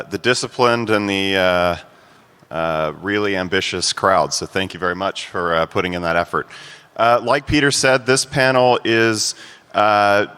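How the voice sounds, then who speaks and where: A man's voice: on the low side, pushed and bright, clear, resonant tone. A man moderating a conference panel, hesitant with many filler sounds, in a conference hall. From United States.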